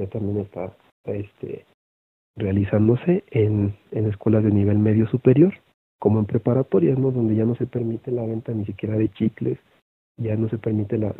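A man's voice: fairly low pitch, breathy edge, no room sound. A man with a Mexican accent, a teacher giving a conversational online lecture to other teachers, with many fillers and tag questions. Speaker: teacher presenting an online session. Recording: phone-like thin audio.

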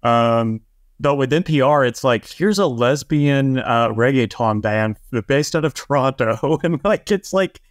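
A man's voice: mid-range voice, expressive, a little slow, no echo, studio quality. A man co-hosting a podcast, rambling casually with frequent laughs and filler words. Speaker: podcast co-host. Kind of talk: casual panel chat.

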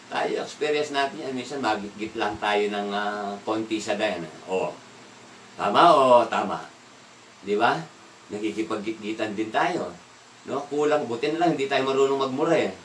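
A man's voice: medium pitch, a bit bright, recorded from a distance, a little hiss or hum. Man, devotional talk, asks questions, echoey room, away from the mic. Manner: asks the listeners questions, mixes in English words, laughs now and then. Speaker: leader of an evening devotional. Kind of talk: conversational Bible devotional talk.

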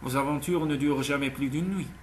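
A man's voice: medium pitch, fairly quick, a little hiss or hum, lightly acted. A man voicing a proud, anxious young single mother in an audiobook, speaking earnestly. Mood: sharp. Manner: earnest, tense, pleading. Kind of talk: audiobook character voice.

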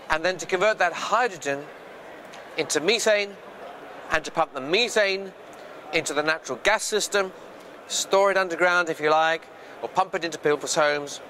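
A man's voice: high voice, bright, forceful tone, slight background noise. Older man explaining energy trends. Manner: measured, explanatory, with occasional hesitations. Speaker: futurist speaker. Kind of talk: on-camera explainer to camera. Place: large indoor trade fair hall. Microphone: lapel mic.

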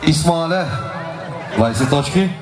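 Booming male wedding announcer, echoey and loud surroundings. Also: animated, unhurried, very noisy. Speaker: wedding gift-ceremony announcer. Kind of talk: live event announcing, calling out gifts and directing guests. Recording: echoey live event, loud music and crowd. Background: loud music and crowd.

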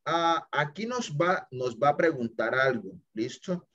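Over a video call, a man teaches an English class, screen-sharing to walk students through an app. He's chatty, mixes in English phrases, and checks in often with "listo?" and "ok?". His voice is a little high, animated, and a bit bright, at a measured pace, heard through dull lo-fi call audio.

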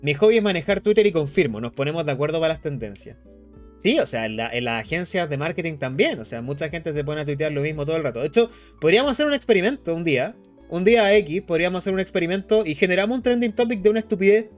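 A young man with a Chilean accent chats casually on a live stream, animated and slangy, reading the chat aloud. His voice is on the high side and quick, with faint music behind him.

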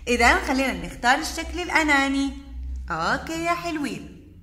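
A woman, teaching a kindergarten class in a high, lively voice that climbs and falls all the time. She draws out each sound in a sing-song and praises the children again and again. The recording has an echoey room sound. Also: a little fast. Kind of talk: teaching letters and syllables to young children.

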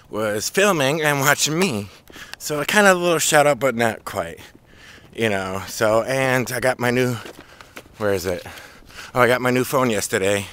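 A man chatting casually in a vlog, rambling with lots of fillers and shout-outs to friends. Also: mid-range voice. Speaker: vlogger. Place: outdoors in cold weather, then a doctor's office.

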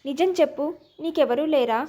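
A woman's voice: high-pitched, normal speed, mellow, close to an everyday voice. A woman voicing a young husband and father who is teasing and exasperated, with a playful, pleading manner, in a storybook reading.

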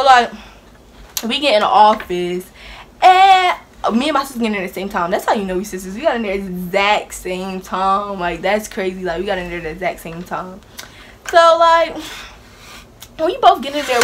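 A young woman tells a story straight to the camera, animated and dramatic, with her pitch around the middle for a woman. She keeps it casual and chatty and laughs easily. A steady hiss sits under the recording. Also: normal speed. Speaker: vlogger.

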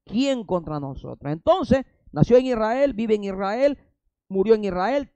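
A man's voice: sits high, lively intonation, measured pace, vocal fry, warm tone, clear, resonant tone, no room sound, highs cut off. A man preaching a fiery sermon with a Salvadoran Spanish accent, firing rhetorical questions and breaking in with emphatic interjections.

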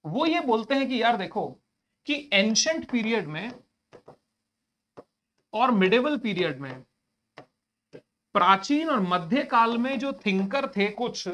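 A man's voice: high voice, fairly bright tone. A male teacher giving an exam-prep lecture in a conversational way, often asking rhetorical questions and addressing students casually. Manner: colloquial address to listeners.

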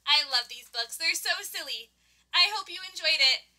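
A woman reading a picture book aloud for preschoolers, animated and asking the children questions as she goes. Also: high voice, normal speed. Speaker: preschool storytime reader.

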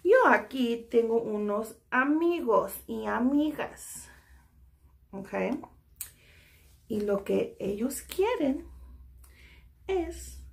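A woman teaching a children's drawing lesson, gently checking in with "ok" after each step and slipping English "so" into her Spanish. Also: a little high, lively intonation, drawn-out words, vocal fry, pauses often. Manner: soothing, talks to toy friends.

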